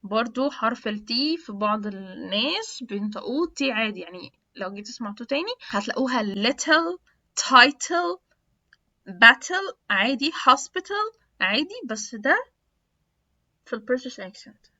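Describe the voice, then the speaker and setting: High-voiced Egyptian woman teaching pronunciation. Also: animated, bright, forceful tone, highs cut off. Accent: Egyptian Arabic. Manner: drills English words in lists, stretching them slowly. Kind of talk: online lesson.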